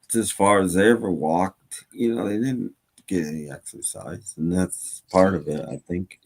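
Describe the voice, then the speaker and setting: A man's voice: low voice, normal speed. A man from a small town chatting on a live stream, explaining things in long asides. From small-town America. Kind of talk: casual live-stream chat.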